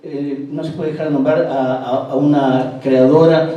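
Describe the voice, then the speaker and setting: A man's voice: on the high side, steady tone, measured pace, dull audio. A man telling anecdotes to an audience at a tango event, with many hesitations, heard from a distance. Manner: anecdotal, acts out quoted dialogue, many hesitations. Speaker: guest speaker at a tango event. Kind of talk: storytelling talk to an audience. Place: event hall. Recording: distant, very echoey hall, faint background noise.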